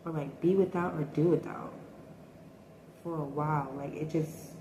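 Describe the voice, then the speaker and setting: A woman's voice: deep voice, fairly even intonation, moderate pace. A woman giving a casual tarot reading, thinking aloud and hesitating often. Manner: hesitant, thinking aloud with many ums and likes. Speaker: tarot reader. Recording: echoey room with faint noise.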